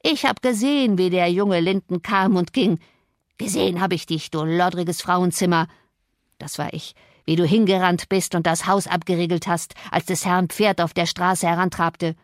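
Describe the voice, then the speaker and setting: A woman's voice: fairly low pitch, fairly even intonation, normal speed, dry recording, studio quality, natural voice. A woman reading the part of a spiteful, sanctimonious old male servant in a storybook. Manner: scolding, sanctimonious.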